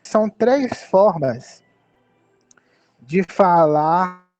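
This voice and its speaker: A man's voice: high voice, expressive, very slow, darkish tone. A man with a Brazilian Portuguese accent teaching English phrases, patiently repeating and spelling out words.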